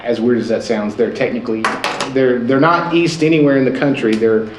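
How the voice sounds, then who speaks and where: A man's voice: medium pitch, a little fast. A man co-hosting a casual sports podcast, loose and joking, with fillers and restarts. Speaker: podcast co-host. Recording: roomy with faint ambient noise.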